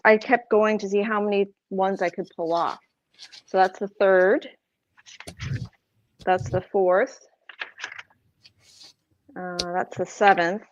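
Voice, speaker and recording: A woman with a Boston accent rambles through a casual craft chat, full of fillers and self-corrections. Her voice sits at a middling pitch. The livestream audio sounds dull and lo-fi. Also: steady tone, slow pace, pauses often.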